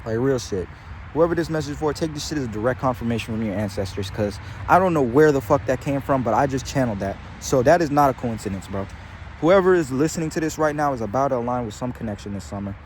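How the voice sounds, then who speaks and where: A young man gives a loose, profanity-laced spiritual pep talk, drifting off topic and calling his listeners bro and gang. His voice sits at a middling pitch. Faint traffic hums behind him outdoors. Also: expressive, quick pace. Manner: rambling, slangy, heavy swearing, calls listeners bro and gang. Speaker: spiritual channeler vlogger.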